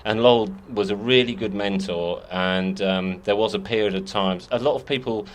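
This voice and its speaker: A man's voice: fairly low pitch, moderate pace. A man guest in a casual interview, telling rambling, self-deprecating stories with frequent restarts. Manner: chatty storyteller, self-deprecating, many restarts. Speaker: musician guest.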